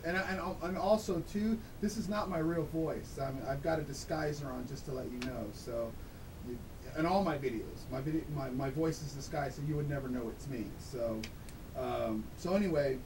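A man's voice: a little mellow, rough recording. A man talking through a voice disguiser, explaining things casually and emphatically as an interview guest, often checking in with "okay?". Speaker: guest, dice-control instructor. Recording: clear background noise with low rumble.

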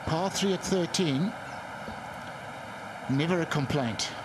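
A man's voice: on the high side, takes it slowly. A man giving conversational golf commentary. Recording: clear outdoor broadcast background noise.

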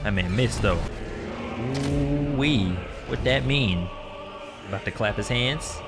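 A young American man giving casual, slangy, excitable commentary as he plays a video game. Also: medium pitch, moderate pace. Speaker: gaming content creator. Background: video game music.

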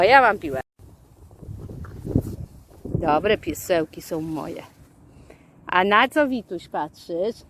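Outdoors in the fields, a woman who vlogs about her dogs talks to them in a sing-song baby-talk voice. Her voice is mid-range, and she calls out commands and squeals with excitement.

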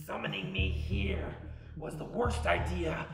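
Brief: sinister demon hedgehog, gravelly and dragging, with lively swoops in pitch. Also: male voice, music in the background, exaggerated voice. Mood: menacing. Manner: slow, low, menacing threats. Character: evil demonic male hedgehog, menacing and slow.

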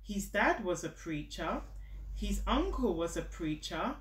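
In her thirties, a woman sits on the living room sofa at home reading a picture book aloud to a child, speaking at a measured pace in a medium voice with big pitch swings. She encourages the child and explains things simply, recorded by a camera a step or two away in an echoey room.

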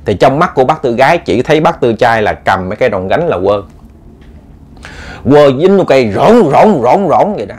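A man telling a ghost story in a lively way, speaking straight to his listeners with many repeats. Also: mid-range voice, normal speed.

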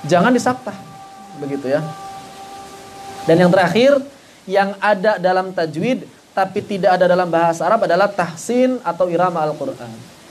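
A man's voice: sits high, animated, normal speed, pauses often, faint music behind. A man teaching an online Quran recitation class. He poses rhetorical questions, answers them himself, and chants short passages as examples. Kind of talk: online tajwid lesson.

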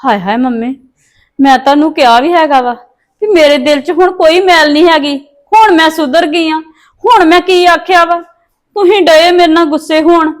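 A woman's voice: extremely high pitch, steady tone, moderate pace. A woman playing a remorseful daughter pleading with her mother for forgiveness in a family drama. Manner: pleading, defensive.

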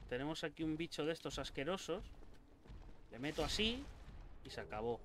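Man, Spain Spanish accent, let's play commentary, excitable, heavy swearing, lively up-and-down pitch, faint background noise. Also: normal speed. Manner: excitable, swears a lot, talks to the game characters. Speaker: gaming YouTuber.

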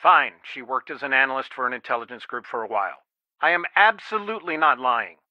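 Guarded and explaining, an actor playing a worried, protective middle-aged father speaks one side of a naturalistic video game phone call, earnest and pleading. His mid-range voice is expressive and a little fast. The recording is dry with no room sound, filtered to a band-limited telephone quality.

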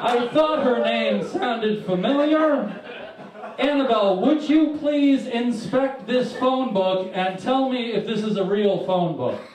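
High-pitched male emcee in an echoey club. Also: lively intonation, slow pace, a little mellow. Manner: theatrical, projecting to the audience. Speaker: comedy show host and emcee. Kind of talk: stage emcee patter. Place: small dark club stage, indoors. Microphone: handheld stage microphone, captured by a far camera. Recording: echoey club PA from far off, crowd noise.

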